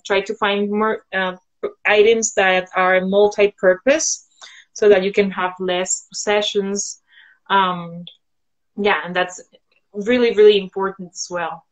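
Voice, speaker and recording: A woman guest on a video call from home, giving advice in a thoughtful, halting way with frequent fillers. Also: mid-range voice, dull audio. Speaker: guest sharing sustainability tips. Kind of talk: casual video-call interview. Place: indoors at home.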